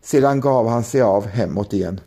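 A man narrating a children's fairy tale in a gentle, playful storytelling manner. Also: lowish voice.

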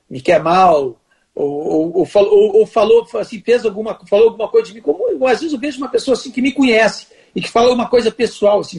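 A man's voice: sits high, creaky, darkish tone, breathy edge. An older man, telling stories in an interview with many restarts and fillers. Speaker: guest. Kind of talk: conversational storytelling interview.

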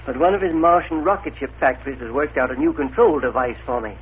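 An actor playing a genial, fussy scientist of the future in a 1930s radio drama, on a noisy old recording. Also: male voice, mid-range voice, narrow, tinny audio, lightly acted. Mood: genial, absorbed. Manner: fussy, halting, reassuring.

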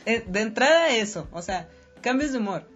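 A woman's voice: on the high side, moderate pace, breathy edge. A young Mexican woman, a podcast guest, chatting casually and agreeing easily with a laugh. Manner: relaxed agreeable chatter, often laughing along. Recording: dull lo-fi audio with faint music.

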